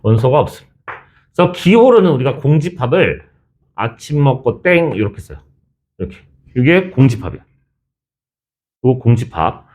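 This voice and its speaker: A man's voice: medium pitch, very animated, moderate pace, pauses often, a little mellow. A male math teacher in his thirties, lecturing a class in a chatty, teasing way. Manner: chatty, teasing, switches between formal and casual speech.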